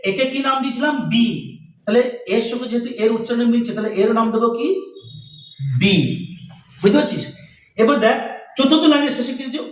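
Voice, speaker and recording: Bengali guy teaching a class, really high voice, keeps quizzing then answering himself, echoey room, bit far off. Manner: asks questions and answers them himself. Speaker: English teacher. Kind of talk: classroom lesson explaining rhyme scheme.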